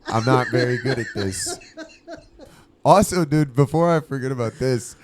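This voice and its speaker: A man co-hosting a casual podcast, telling stories in a profane, animated way, laughing often and acting out the voices of the people he quotes. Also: moderate pace, noisy background. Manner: acts out quoted voices with big pitch jumps. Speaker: podcast co-host. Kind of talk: casual storytelling chat.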